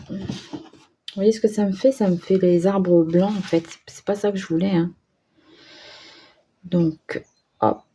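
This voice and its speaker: Woman, craft vlog narration, unhurried and hesitant, lowish warm voice, light hiss behind. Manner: hesitant, thinking aloud with fillers and self-deprecating asides. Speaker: craft vlogger. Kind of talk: casual crafting commentary.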